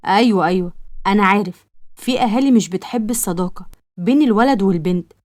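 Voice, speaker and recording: A woman's voice: mid-range voice, quick pace, a little mellow, natural voice. A woman with an Egyptian accent voicing an earnest young man who courts a girl, pleading and reassuring. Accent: Egyptian Arabic.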